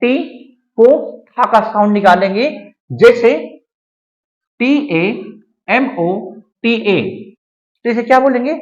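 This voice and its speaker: A man teaching English pronunciation as a spoken lesson, repeating each word slowly several times and asking and answering his own questions. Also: extremely high pitch, lo-fi sound.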